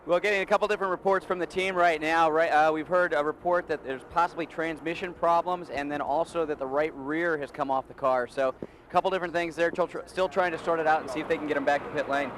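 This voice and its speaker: A man's voice: a little high, fairly even intonation, fast talker, fairly bright tone, a little hiss or hum. A man giving a live race update as a pit reporter. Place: outdoor pit lane.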